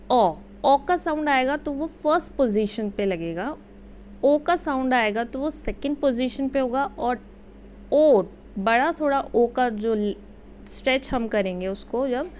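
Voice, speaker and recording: Young woman, slightly high voice, unhurried teacher. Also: a little mellow, a little hiss or hum. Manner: slow, patient explaining. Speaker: shorthand teacher. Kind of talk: casual Hindi-English lesson.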